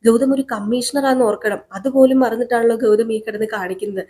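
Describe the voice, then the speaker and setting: A woman's voice: fairly high pitch, quick pace, dark tone, close to an everyday voice. A woman voicing a woman from a serial who scolds and questions a man reproachfully. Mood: scolding.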